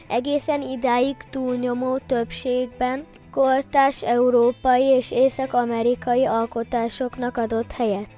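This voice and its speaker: A woman reading a news bulletin in a measured way, with small slips and restarts. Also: high-pitched, darkish tone. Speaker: news reader. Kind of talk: read radio news bulletin.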